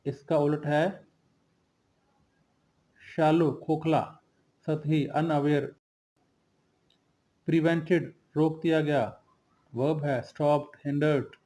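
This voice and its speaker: A man's voice: a little high, rough recording. A man teaching vocabulary, reading out synonyms and antonyms one by one with short glosses. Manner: slow and steady, drills word lists with brief glosses. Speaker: English teacher.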